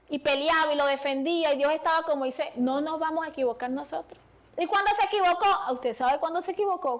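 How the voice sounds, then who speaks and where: A woman preacher giving a fervent sermon in a small church, calling out to the congregation and pleading with them. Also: sits high.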